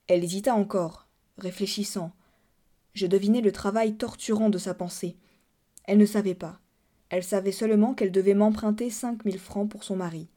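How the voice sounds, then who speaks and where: A woman reads a classic tale in the first person, with a measured, subdued delivery. Her voice is dark-toned and mellow, at a middle pitch for a woman. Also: fairly even intonation. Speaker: reader. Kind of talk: literary audiobook narration.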